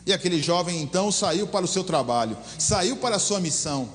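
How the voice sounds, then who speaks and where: High-voiced man preaching in a reverberant hall. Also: expressive, brisk, a bit bright. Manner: repeats key phrases for emphasis. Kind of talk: sermon storytelling.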